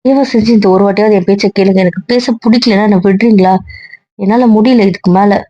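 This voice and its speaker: Bitter, sarcastic wife, fast cutting delivery, dry audio, played by a woman. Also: medium pitch, mellow, no room sound, lo-fi sound, close to an everyday voice. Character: hurt, bitter young wife on the phone. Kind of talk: amateur audio drama.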